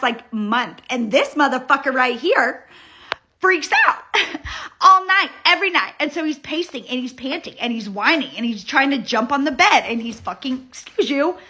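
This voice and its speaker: A woman's voice: high voice, pushed and bright. Profane, rambling woman. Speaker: vlogger. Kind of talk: casual venting to camera. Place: bedroom at home.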